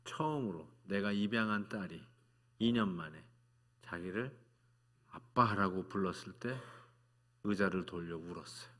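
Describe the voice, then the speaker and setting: A male pastor preaching at a midweek prayer service, telling stories in a conversational way and moving between hushed, soft passages and loud, fervent prayer. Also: low voice, unhurried, long pauses.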